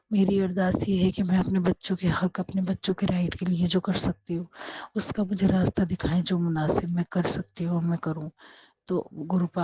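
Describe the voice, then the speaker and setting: A woman's voice: on the low side, mellow, slightly rough, rough recording. A middle-aged woman speaking a personal prayer, earnest and pleading as she asks for guidance for her children. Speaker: devotee praying aloud.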